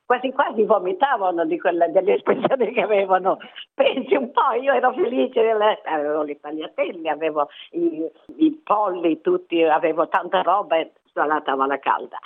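A woman's voice: on the low side, moderate pace. Older woman storyteller on a phone line. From southern Italy. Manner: lively storyteller, acts out quotes, rambling asides. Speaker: interview guest. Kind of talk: phone interview, reminiscing. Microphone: telephone.

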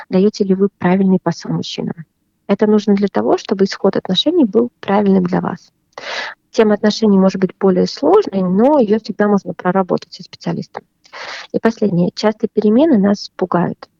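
A woman psychotherapist giving calm, measured advice on a radio program. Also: medium pitch, vocal fry, dry recording, lo-fi sound.

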